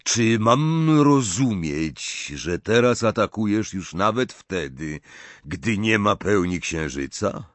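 A man voicing an elderly wizard headmaster who speaks calmly, politely and unhurriedly. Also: fairly low pitch, no echo. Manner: calm, polite, measured. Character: old calm wizard headmaster, unruffled and courteous.

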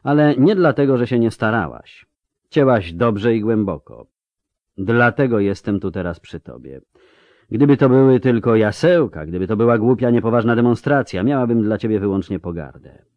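A man's voice: on the low side, lively intonation, normal speed, no echo, dull audio. A man doing a stern, matter-of-fact older sorceress.

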